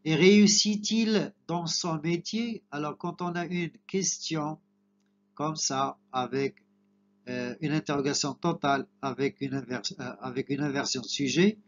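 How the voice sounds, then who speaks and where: A man with a Moroccan accent teaching an exam preparation lesson, explaining slowly and glossing words in Arabic. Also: a little high, lo-fi sound, slight background noise. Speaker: French teacher.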